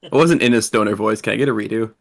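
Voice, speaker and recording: A man's voice: fairly low pitch, fast, creaky. A man playing an online party trivia game, making dry, wisecracking remarks. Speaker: game player. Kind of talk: casual online game chat.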